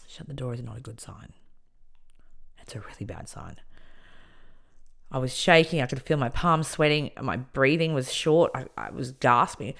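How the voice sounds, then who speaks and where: A woman telling a personal story on a podcast, emphatic and animated as she recounts events. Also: extremely low pitch, normal speed, few pauses.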